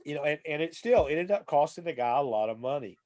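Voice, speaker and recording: A man's voice: fairly high pitch, fast talker. A man hosting a Bible talk, telling a story in casual chat with lots of fillers. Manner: rambling, filler-heavy, relaxed storytelling.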